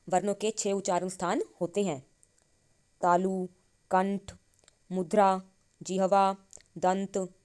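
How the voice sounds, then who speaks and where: In a mellow, medium-pitched voice, a woman teaches a Sanskrit grammar lesson explained in Hindi. She poses questions and answers them herself, reading slowly and drawing out every syllable.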